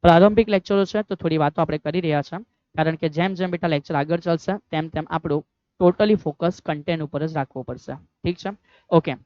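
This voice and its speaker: Fast, high-voiced Gujarati physics teacher. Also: male voice, no room sound, highs cut off. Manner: fatherly, keeps calling students "beta", asks rhetorical questions. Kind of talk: online exam-prep lecture.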